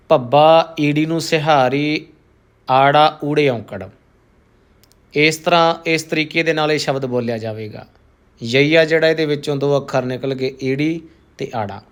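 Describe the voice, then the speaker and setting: A man with a Punjabi accent teaching careful scripture recitation, chanting verses slowly and then explaining how to pronounce each word. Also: a little high. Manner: measured, deliberate, drawn-out verse recitation with careful enunciation.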